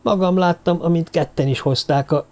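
Young druid, male, urgent whisper, slightly raised pitch, voiced by the male narrator. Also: a little mellow, close to an everyday voice. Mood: stunned. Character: young male druid, impatient then stunned.

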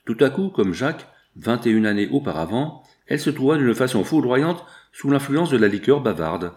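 A man's voice: mid-range voice, sing-song, moderate pace, a little mellow. Man reading a classic novel aloud. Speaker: audiobook narrator. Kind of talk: scripted narration of a 19th-century novel.

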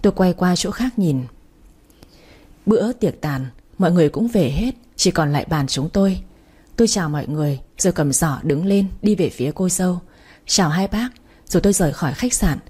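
A woman narrates a first-person story in a plain, steady reading. Her voice is low and husky, with a dark, mellow tone. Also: fairly quick.

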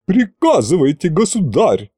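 A fawning court butler who gushes praise in a raised, eager voice, as a male narrator puts him on. The lines come slow and warm-toned, and the recording is close and dry. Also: a little high, no echo, pitched above the performer's own voice, heavily acted. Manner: fawning, flattering.

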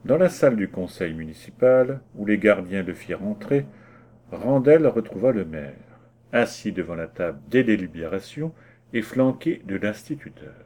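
A man narrating a classic short story as an audiobook, in a measured, expressive storytelling manner. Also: fairly low pitch.

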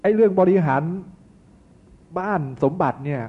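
A man's voice: high voice, expressive, normal speed. A man, a Buddhist monk, giving a sermon that retells an old tale in a chatty, folksy way full of asides. The recording sounds tinny. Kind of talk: sermon with storytelling.

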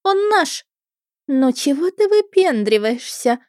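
A woman voicing petulant teenage mermaid girls with a high, ringing girlish voice in an audiobook. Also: big pitch swings, takes it slowly, a little mellow, no echo, studio quality, heavily acted. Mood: teasing. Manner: petulant and teasing. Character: bratty teenage mermaid girls, shrill and capricious.

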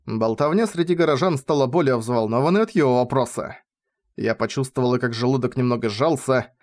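A man narrating a novel in the first person with an expressive, lively reading. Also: mid-range voice, fairly quick. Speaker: audiobook reader.

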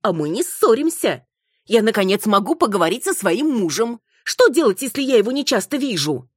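A woman voicing a jealous, hysterical young wife who scolds her husband, shrill and close to tears. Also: moderate pace, breathy edge, no room sound. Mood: furious. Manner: shrill, accusing, near tears.

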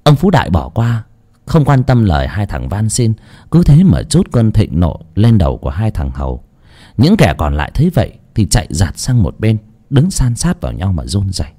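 A man narrating a dark folk story in a dramatic, animated way. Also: on the low side, moderate pace, breathy edge.

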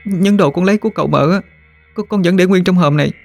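A man's voice: on the high side, a little slow, gravelly, soft background music, voice pushed up. A man voicing a frightened young servant girl who stammers and begs tearfully. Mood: pleading tearful.

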